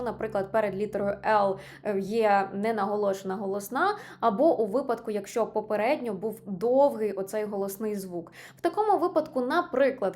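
A woman teaching an online English lesson, patiently explaining spelling rules and stressing each example word. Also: fairly high pitch.

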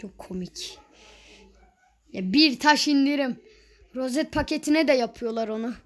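A young woman with a fairly high voice chats over her gameplay. She is quick to get exasperated at teammates and drops teasing jokes. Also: animated. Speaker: gaming youtuber. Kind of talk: casual gameplay commentary.

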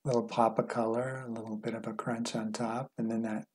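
A middle-aged man calmly walking through a cooking demonstration in a home kitchen, relaxed and plain-spoken. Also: mid-range voice, a little fast, slightly rough. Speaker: cooking instructor. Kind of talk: calm step-by-step cooking demonstration.

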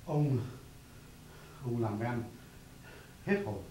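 A man's voice: medium pitch, lively intonation, very slow, warm tone, reverberant, low-quality recording. A man acting in a stage comedy sketch, talking timidly and hesitantly.

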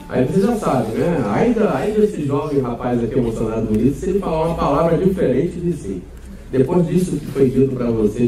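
An older Brazilian man officiates a wedding in a playful, teasing style. His intonation is very lively, and he is heard from a distance through echo with an audible crowd. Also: mid-range voice. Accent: Brazilian Portuguese. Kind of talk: informal, jokey ceremony officiating. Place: outdoor night wedding with guests. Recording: echoey distant recording with crowd.

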